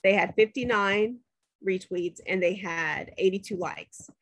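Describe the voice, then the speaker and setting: A woman professor, unhurried and slightly bright in a medium pitch, demonstrates a spreadsheet to students via screen share. There's no room sound, and she keeps things chatty, frequently checking how they're doing.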